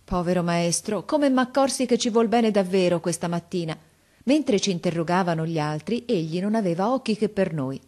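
A woman reading a story aloud as audiobook narrator, expressive, lifting her voice for emphasis and dropping it for quieter passages. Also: fairly low pitch, normal speed.

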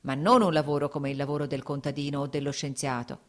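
A woman's voice: deep voice, little pitch movement, fast talker, lightly acted. A woman voicing an earnest, brooding male landowner who argues his point in an audiobook reading. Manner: earnest, argumentative.

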